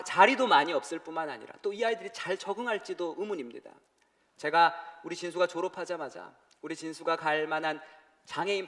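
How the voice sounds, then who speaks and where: A man's voice: high voice, fairly bright tone. A male pastor telling a personal story in a sermon, acting out phone calls and voices as he goes. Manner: storytelling, acts out calls and his brother's voice. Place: church sanctuary. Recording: church hall reverb.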